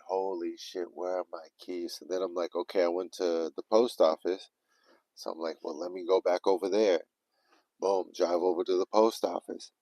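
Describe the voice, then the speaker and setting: Telling a story on a livestream, a man gets animated and profane, quoting the panicked things he said to himself. His voice is deep, and the audio is dry and rough.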